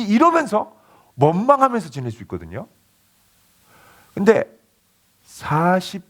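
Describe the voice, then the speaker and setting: A man preaching a sermon as a pastor, telling the story with lively acted-out quotes. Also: mid-range voice. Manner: animated storytelling, acting out quoted voices.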